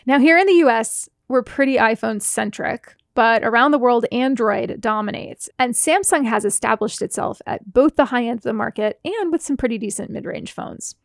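Woman hosting a tech podcast, kinda gravelly, higher voice, dry close sound, jokes around a lot. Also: expressive, moderate pace, hardly any pauses, dry recording. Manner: playful, laughs often, leads segments. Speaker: podcast host. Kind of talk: casual tech podcast chat.

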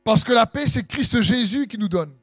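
A man's voice: extremely high pitch, animated, normal speed, a bit bright, no room sound, clean studio sound, soft background music. A man preaching a sermon in an impassioned, sing-song way, letting his phrases swell for emphasis.

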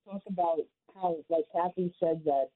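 A woman's voice: on the low side, moderate pace. A woman calling in to a radio show, speaking hesitantly with fillers, her voice muffled because her phone is on speaker. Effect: muffled speakerphone sound. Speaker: caller. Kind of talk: call-in radio chat.

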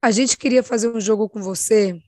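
A woman's voice: fairly high pitch, brisk, a little mellow, dry recording, studio quality. A Brazilian woman co-hosting a podcast, chatty and self-mocking in casual talk. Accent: Brazilian Portuguese. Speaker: podcast co-host.

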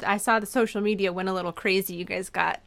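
A woman's voice: medium pitch, fairly even intonation, fast talker, creaky, a bit bright. A woman hosting a casual interview, asking questions in a bubbly, encouraging way. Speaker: interview host.

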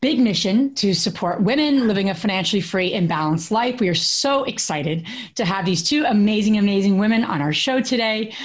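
A woman in her thirties co-hosting a podcast, telling stories in a lively, chatty way with many fillers and restarts. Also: medium pitch, a little fast, hardly any pauses. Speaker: podcast co-host. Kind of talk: casual podcast chat.

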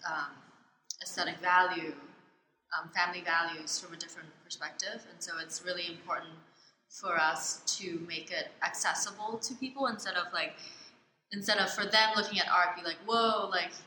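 A woman from Hong Kong, answering interview questions thoughtfully, with many pauses and fillers. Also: lowish voice, steady tone, bright, forceful tone, slight background noise. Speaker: interviewee, art student. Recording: echoey space with faint ambience.

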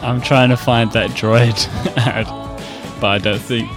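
A man's voice: mid-range voice, steady tone, unhurried, music in the background. A man co-hosting a casual tech podcast, loose and joking, with lots of "like". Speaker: podcast co-host.

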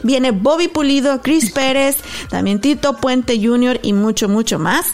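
A woman hosting a podcast in casual chat, emotional and quick to laugh, mixing English into her Mexican-American Spanish. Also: high-pitched. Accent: Mexican-American Spanish with English mixed in. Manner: warm, emotional, laughs often. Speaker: podcast host.

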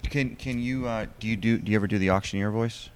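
A man interviewing an auction worker, curious and halting, often repeating his words as he asks questions. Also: fairly low pitch, smooth. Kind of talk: casual interview.

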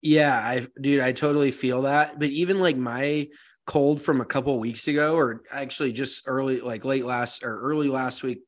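A man's voice: medium pitch, steady tone, normal speed. American guy w a stuffed up nose, casual podcast banter, slangy and sweary. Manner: profane, slangy. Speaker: podcast co-host. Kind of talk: casual chat.

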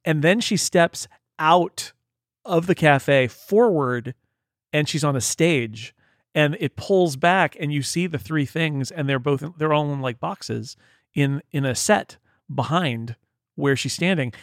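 A man's voice: on the high side, lively intonation, slow, dry recording, clean studio sound. A man co-hosting a podcast, talking casually and thoughtfully, often restarting his sentences as he thinks aloud. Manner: thoughtful, rambling, frequent restarts. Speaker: podcast co-host reporting from an event. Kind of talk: casual tech podcast chat.

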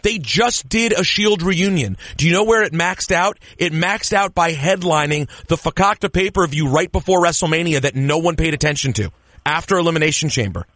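A man hosting a podcast, talking in an animated, opinionated way in casual chat. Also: fairly high pitch, fairly quick, dry recording, studio quality. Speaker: podcast host.

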